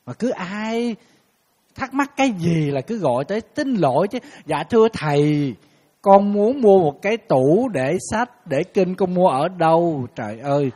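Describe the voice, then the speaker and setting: A monk giving a casual dharma talk, telling stories in an animated way and acting out the people who call him. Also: male voice, a little high, slightly rough. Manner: animated storytelling, acting out callers. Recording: hall reverb.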